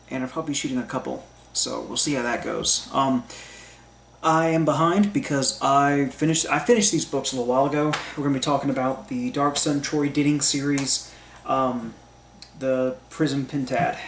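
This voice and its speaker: A man talks through a book review in a loose, easygoing way, stopping often for ums and uhs. His voice sits at an ordinary middle pitch. The room is echoey, and a faint hum runs underneath. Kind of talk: casual spoken book review. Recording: roomy echo with faint background hum.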